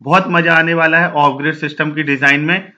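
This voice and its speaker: A man teaches a technical lesson in a steady, explanatory way, walking through worked examples one step at a time. His voice sits a little high and comes across very bright and sharp. The recording is somewhat dull and lo-fi. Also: brisk. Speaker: solar instructor and channel host.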